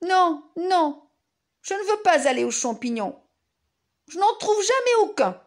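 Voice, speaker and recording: Woman playing a high-voiced storybook little boy, toddler-style. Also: very animated, unhurried, heavily acted. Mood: sulky. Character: glum, stubborn little boy in a children's story.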